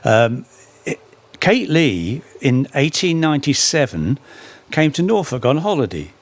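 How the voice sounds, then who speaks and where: A man tells history as a string of anecdotes, dropping wry little jokes along the way. His pitch swings widely and expressively around a mid-range voice. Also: very animated, measured pace. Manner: anecdotal, with wry humorous asides. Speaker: speaker on folk song history. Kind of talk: storytelling talk.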